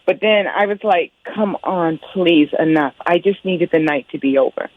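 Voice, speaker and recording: A woman's voice: lowish voice, normal speed, no room sound. Woman on a tinny phone line. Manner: blunt, candid, laughs nervously. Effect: heard over the phone. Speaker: radio show caller. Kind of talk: on-air phone call.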